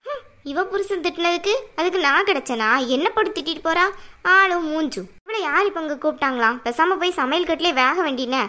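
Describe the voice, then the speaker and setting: A woman's voice: very high-pitched, brisk, bright, forceful tone. A woman voicing a sarcastic young sister-in-law who mutters snide asides in a cartoon. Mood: muttering. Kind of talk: cartoon voice acting.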